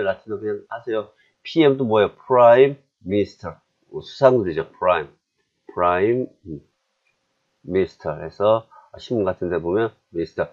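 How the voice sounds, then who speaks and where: Deep slow Korean-accented male teacher. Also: darkish tone, highs cut off. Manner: chatty, self-deprecating, repeats drills slowly. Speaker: English teacher. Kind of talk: classroom grammar lesson.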